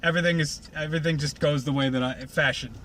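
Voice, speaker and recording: A fast-talking, fashion-obsessed cartoon pony mare waves off every complaint, as a man puts her on. Her voice is bright and lightly raised. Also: on the high side, fairly even intonation, slight background noise, natural voice. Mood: dismissive. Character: fussy fashion-obsessed female pony, dismissive.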